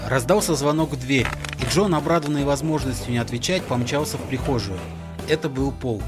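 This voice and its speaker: A man's voice: mid-range voice, fairly quick. Man narrating an audiobook over music.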